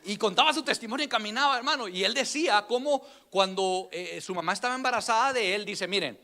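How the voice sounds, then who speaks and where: A man preaching a storytelling sermon in church, acting out quoted voices with shouts and laughs. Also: sits high, fast.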